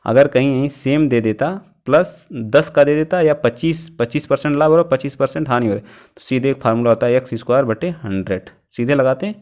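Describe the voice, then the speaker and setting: A male math teacher giving an exam-prep lesson, who keeps asking the class questions and answering them himself, reading numbers out slowly as he works. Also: mid-range voice, a little mellow. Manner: reads out numbers slowly while working them out.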